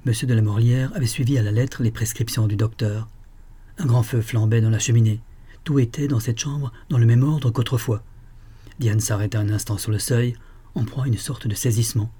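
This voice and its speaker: A man narrating a nineteenth-century novel aloud in a measured, dramatic storytelling manner. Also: medium pitch, steady tone, dark tone, slightly rough. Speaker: audiobook narrator. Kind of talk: scripted literary narration.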